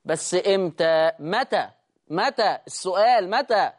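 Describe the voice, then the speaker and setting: Egyptian-accented recitation teacher drilling slowly. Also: mid-range voice, animated. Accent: Egyptian Arabic. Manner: drills words slowly and repeatedly, checks in with listeners. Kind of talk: explanatory recitation lesson.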